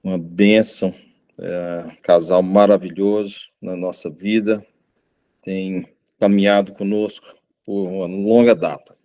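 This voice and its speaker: A man's voice: deep voice, little pitch movement, a little slow, mellow. A middle-aged man from Goiânia, preaching an informal sermon, hesitant with many fillers and restarts. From Goiânia, Brazil. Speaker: visiting preacher.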